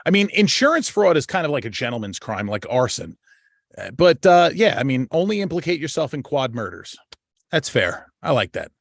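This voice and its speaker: A man's voice: mid-range voice, sing-song, normal speed, gravelly, no echo, clean studio sound. Blunt, swearing man telling stories. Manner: profane, blunt and joking. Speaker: show host. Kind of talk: casual storytelling monologue.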